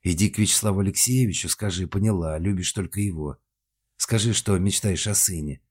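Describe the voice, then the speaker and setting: A man's voice: fairly quick, a little mellow, husky. A man voicing a bossy, scheming older mother who scolds her daughter. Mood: scolding. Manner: shrill scolding, then fawning.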